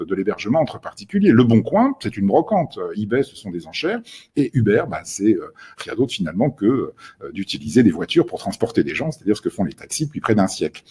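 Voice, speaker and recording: A man's voice: fairly low pitch, darkish tone, husky. A man, a strategy professor, explaining business ideas in a webinar with many hesitations and restarts. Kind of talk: webinar lecture.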